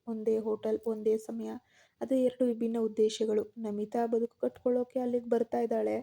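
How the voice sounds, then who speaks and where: A woman narrating a scripted story with steady, measured reading. Her voice is fairly high yet very dark and mellow in tone, and it stays flat and even throughout. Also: creaky.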